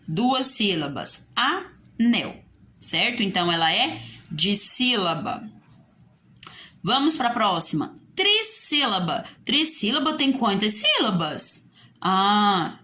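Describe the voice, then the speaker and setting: Pushed and bright, her mid-range voice carries a Brazilian Portuguese accent as she teaches small children by video. She uses a sing-song delivery, raising pupils' questions and supplying the answers.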